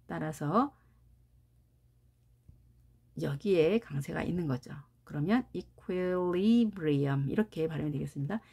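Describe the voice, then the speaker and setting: A woman's voice: low-pitched, expressive, normal speed, gravelly, pauses often, a little mellow, breathy edge. A Korean-speaking woman teaching English pronunciation, explaining carefully and repeating each example word. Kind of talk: recorded pronunciation lesson.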